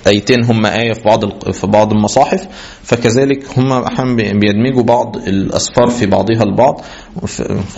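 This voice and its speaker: Halting Egyptian man lecturing, husky voice. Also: lowish voice, a little mellow. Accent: Egyptian Arabic. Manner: halting, many fillers and restarts. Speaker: teacher. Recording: dull lo-fi sound.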